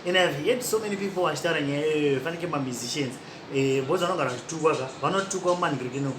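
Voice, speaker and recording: A male podcast host with a fairly high, rapid-fire voice gives chatty, rambling commentary in a mix of Shona and English, laughing at himself now and then. The room is echoey with a noisy background.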